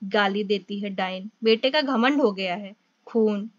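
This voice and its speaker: A woman voicing Hira, a resentful young village man who shouts threats. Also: mid-range voice, unhurried, dry recording, muffled recording, natural voice. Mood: angry.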